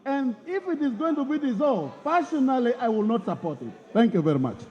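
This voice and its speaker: High, lively MP in a reverberant chamber. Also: male voice, a little fast. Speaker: member of parliament. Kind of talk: parliamentary speech. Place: parliament chamber. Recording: lo-fi broadcast audio in a reverberant chamber.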